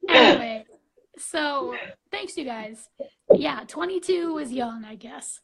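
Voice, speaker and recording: A woman in her twenties chats casually on a live stream through a phone mic, gushing and bubbly, full of fillers like "like" and "um." Her voice sits high with lively intonation, a slow pace, and vocal fry, and the recording quality is low.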